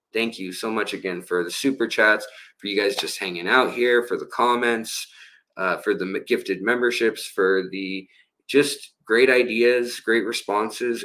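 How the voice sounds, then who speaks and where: A man's voice: lowish voice, measured pace, sharp tone. A man hosting a casual livestream for his aquarium channel, rambling and full of fillers as he chats with viewers.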